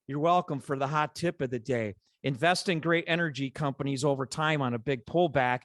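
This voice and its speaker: A man with a Chicago accent hosting a podcast, talking in an animated, opinionated way as he rants about markets. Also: medium pitch, a little fast, dry recording, clean studio sound. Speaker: podcast host. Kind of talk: casual podcast discussion.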